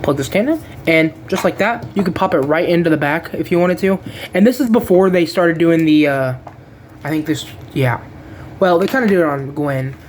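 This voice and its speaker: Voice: mid-range voice, moderate pace, darkish tone, slight background noise. An action figure reviewer talking through an unboxing in a rambling, casual way, losing track of names and swearing offhandedly.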